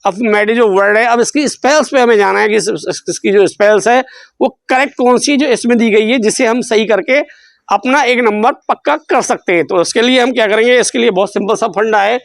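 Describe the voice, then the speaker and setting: A man's voice: very high voice, a little fast, vocal fry, no room sound. A man teaching a spelling lesson. He repeats his questions back to the students and stretches out syllables. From India. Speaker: English teacher. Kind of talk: spelling lesson explained in Hindi.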